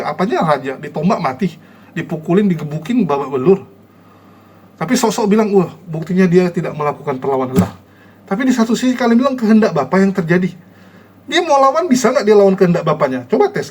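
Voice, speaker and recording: A man a high-pitched voice speaks casually to his online viewers. He is combative and mocking, and he scolds and ridicules the people he argues against.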